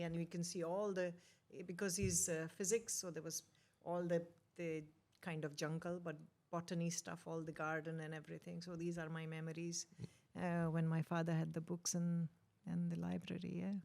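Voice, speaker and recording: Low-pitched Indian-accented woman, emphatic and repetitive. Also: level tone, normal speed, gravelly, darkish tone. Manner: emphatic, repeats words and short phrases. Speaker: interview guest, author. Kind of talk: reminiscing in a conversational interview.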